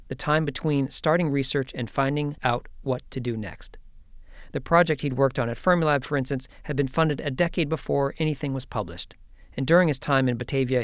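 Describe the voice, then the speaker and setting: A man hosting a podcast, reading a measured introduction and then asking interview questions in an office. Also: mid-range voice, no room sound, studio quality. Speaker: podcast host. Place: office with air conditioning hum.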